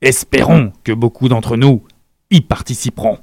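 A man reading aloud, voicing a theatrical male revolutionary leader who declaims with passion and rises to loud peaks. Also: mid-range voice, normal speed, vocal fry, no echo, clean studio sound. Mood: rousing.

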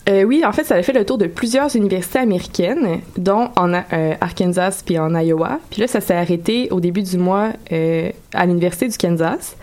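Quebec woman guest on radio, kinda low voice, explains stuff, lots of umms. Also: brisk, hardly any pauses, darkish tone. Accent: Quebec French. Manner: explanatory, frequent hesitations. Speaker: guest columnist. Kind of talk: casual radio chat.

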